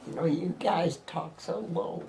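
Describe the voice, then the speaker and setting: An older woman talks slowly in a dark, gravelly voice with a slight lisp. Her manner is plain-spoken and casual. The room has a faint hum of ambience behind her. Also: on the low side. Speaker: retired waitress, interviewee. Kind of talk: casual chat. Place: living room at home.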